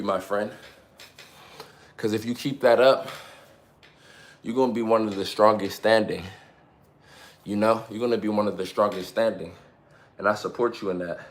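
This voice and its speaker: A young man in his twenties talks to his live chat in a low-pitched voice. He keeps it upbeat and full of slang, hyping himself up between workout sets at home. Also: steady tone, moderate pace, pauses often. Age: 20s. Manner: upbeat, hyped, slangy and motivational. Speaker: livestreamer. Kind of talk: casual live-stream chat.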